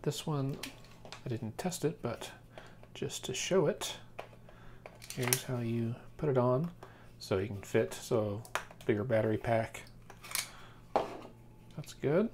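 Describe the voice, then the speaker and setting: This is casual unboxing talk from an American man in his thirties or forties who reviews products and thinks out loud. He speaks at medium pitch, slowly, pausing often, over clear background noise and handling clicks.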